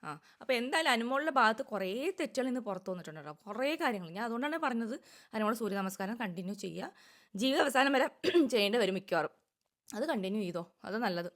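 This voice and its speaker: A woman giving casual, opinionated commentary on a reality show, talking quickly and at length. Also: fairly high pitch, animated, fairly bright tone. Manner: opinionated, rapid and talkative.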